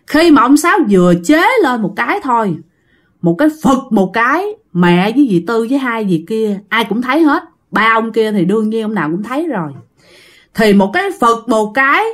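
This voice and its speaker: A woman with a Southern Vietnamese accent addresses listeners directly, relaying a ghost story in a relaxed, talkative manner. Her voice is a little high, with big swings in pitch, and her speed is normal.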